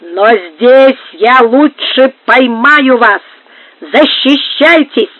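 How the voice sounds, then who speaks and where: A woman's voice: high voice, moderate pace, no room sound, voice pushed up. A woman reading the part of an impetuous young male lover, exclaiming and pleading. The sound is dry and narrow, like a phone line. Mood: challenging.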